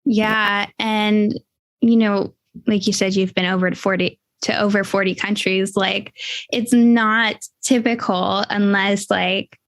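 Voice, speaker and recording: A woman's voice: medium pitch, fairly even intonation, takes it slowly, no room sound. A woman hosting a podcast interview, upbeat and chatty with lots of fillers. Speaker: podcast host.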